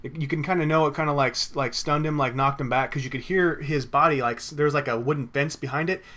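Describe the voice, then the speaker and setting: This young man's voice is on the high side and fairly bright, and he speaks at a quick pace. He's a gaming commentator spinning a rambling, foul-mouthed story over his gameplay, full of false starts.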